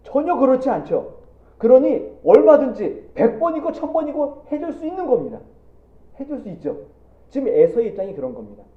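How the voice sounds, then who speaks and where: Man, pastor, high lively voice, sermon, echoey church, phone-like audio. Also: brisk. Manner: animated preaching, acting out Bible figures in quotes. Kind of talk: Sunday sermon. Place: church sanctuary.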